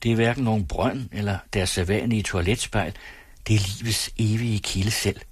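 A man's voice: lowish voice, fairly even intonation, slightly rough, dry recording. A man voicing a young, half-drunk, lovestruck suitor in an audiobook, speaking in rapturous, theatrical declarations. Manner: rapturous, theatrical, jealous outbursts.

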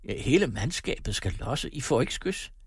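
A man's voice: medium pitch, big pitch swings, slightly rough, no room sound, clean studio sound, voice pushed up. A man voicing a practical, matter-of-fact woman of the house in an audiobook. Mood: firm.

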